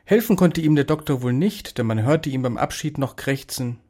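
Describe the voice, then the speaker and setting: A man reading a children's story aloud in a lively, expressive way. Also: medium pitch, normal speed.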